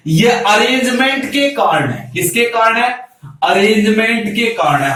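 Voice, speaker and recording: A man's voice: high voice, a bit bright. Male chemistry teacher lecturing, rhetorical questions, distant mic in a reverberant classroom. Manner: keeps asking rhetorical questions and answering them himself; calls students "beta". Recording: very echoey room, mic far off.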